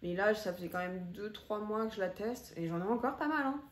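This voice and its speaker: A woman's voice: medium pitch, expressive, a little fast. Chatty woman reviewing makeup, echoey room. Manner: chatty, repeats words for emphasis, many fillers. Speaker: beauty vlogger. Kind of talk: casual product review chat. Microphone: phone camera.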